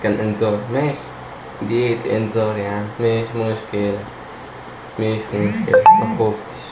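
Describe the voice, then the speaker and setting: A gamer with an Egyptian Arabic accent gives casual, jumpy let's-play commentary on a horror game in a lowish voice at normal speed, muttering to himself and talking back to the characters. The recording has a roomy echo with steady background hum and noise.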